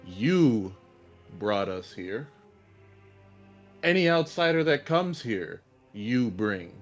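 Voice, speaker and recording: A man's voice: mid-range voice, sing-song, slow. A man playing a grave, defiant hero in a tabletop game, speaking in a solemn, declamatory way. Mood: solemn, accusing. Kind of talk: in-character tabletop role-play speech. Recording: music behind the voice.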